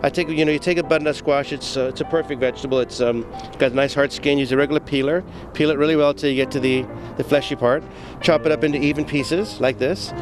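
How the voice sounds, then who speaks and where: A man's voice: a little high, fairly even intonation, quick pace, over music. A man from Zimbabwe, an executive chef, giving a chatty, stop-start cooking demo full of fillers on an outdoor patio for morning news.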